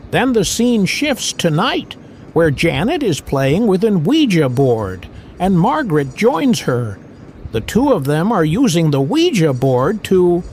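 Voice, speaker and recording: A man's voice: a little high, a little hiss or hum. A man narrating a scripted movie recap, walking through the plot scene by scene in a plain storytelling manner.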